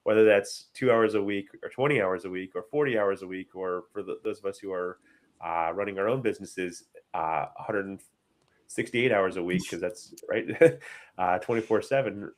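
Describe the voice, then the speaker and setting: Man, very deep voice, host, emphatic, video call, panel chat. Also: normal speed. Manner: emphatic, stresses key words, light laughs.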